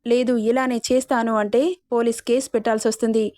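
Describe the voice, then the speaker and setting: A woman's voice: a little high, flat delivery, fast talker, a little mellow, no room sound, studio quality, natural voice. A woman voicing a defiant young woman student. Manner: firm, pleading.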